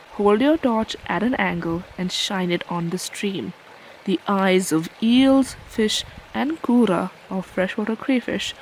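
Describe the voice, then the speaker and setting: A woman giving playful, measured educational narration for children as a nature presenter. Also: medium pitch, darkish tone, a little hiss or hum, poor audio.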